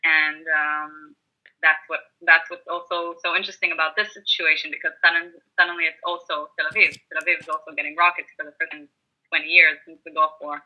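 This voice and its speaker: Woman guest, flat measured delivery, phone-quality audio. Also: sits low. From Israel, born in the United States. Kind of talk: casual chat over the phone. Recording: tinny phone line.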